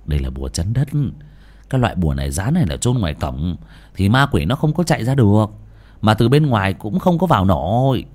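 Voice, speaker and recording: Storyteller doing a brash ghost-hunter, sharp scolding, big pitch swings. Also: male voice, sing-song, fairly quick. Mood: blunt instruction. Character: hot-tempered young male exorcist.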